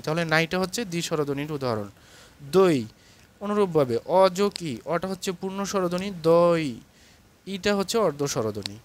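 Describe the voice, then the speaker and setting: Man teaching grammar, stretching example words. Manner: drops low at the end of definitions, louder on example words. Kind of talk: explanatory grammar lesson.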